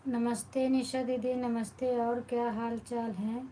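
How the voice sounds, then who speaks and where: A woman hosting a late-night live stream at home keeps her voice low while others sleep. She talks slowly, in a fairly high but flat tone. A faint hiss of background noise runs under her voice. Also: rough recording. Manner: warm greetings, devotional blessings to viewers. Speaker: live-stream host chatting with viewers. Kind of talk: casual live chat.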